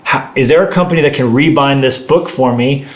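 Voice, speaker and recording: A man's voice: medium pitch, a little fast. A man chatting casually as co-host of a livestream, telling stories in a playful, rambling way. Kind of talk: casual livestream chat with partner. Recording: roomy, echoing indoor sound.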